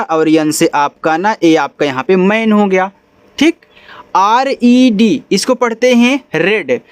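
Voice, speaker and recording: He speaks in a high voice, recorded dry with no room sound. He teaches beginners to read English words and spells out each letter slowly. He repeats every rule patiently and often asks the listener whether it is clear. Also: no room sound. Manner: repeats rules, checks in with the learner. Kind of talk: beginner phonics lesson.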